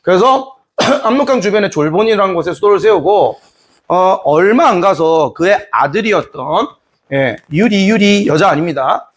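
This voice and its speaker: Fields: Sex: man. Role: history teacher. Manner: animated, playful. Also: high-pitched, normal speed. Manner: animated storytelling, playful, voices characters. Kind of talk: lively lecture with acted-out scenes.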